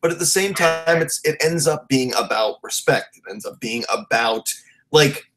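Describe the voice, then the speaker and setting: A man's voice: a little high, normal speed, fairly bright tone. A man in his late twenties hosting a podcast interview, rambling and loose, laughing often in casual chat. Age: 20s. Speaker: podcast host.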